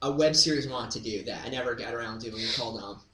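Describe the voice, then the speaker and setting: Comedian guy rambling in an interview, bright voice, echoey room, like and um everywhere. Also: mid-range voice, very fast, a little hiss or hum. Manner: rambling, full of "like" and "um" fillers. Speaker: comedian guest. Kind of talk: casual interview chat. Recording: roomy echo.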